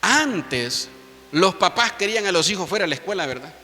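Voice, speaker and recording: A man preaching a sermon as a pastor, with dramatic pauses and rhetorical questions. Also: high voice, expressive. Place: church sanctuary. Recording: reverberant church hall with soft background music.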